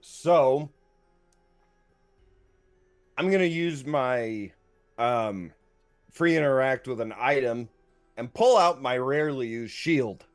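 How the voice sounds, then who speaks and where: A man's voice: mid-range voice, animated, slow, long pauses, faint music behind. A man playing a tabletop role-playing game, chatting casually in a playful, jokey way.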